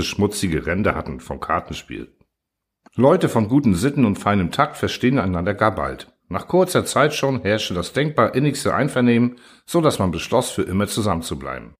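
A man reading a literary tale aloud as a podcast storyteller, with expressive narration. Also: lowish voice, breathy edge. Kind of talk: scripted narration.

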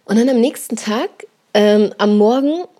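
A woman's voice: on the high side, moderate pace, warm tone. A young woman telling a long personal story in a casual podcast chat, rambling with lots of fillers and slang tags. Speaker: podcast co-host.

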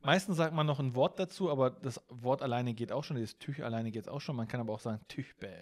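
A man's voice: mid-range voice, fast. A man co-hosting a casual podcast chat, playfully teaching his friend words in a teasing way. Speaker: podcast co-host.

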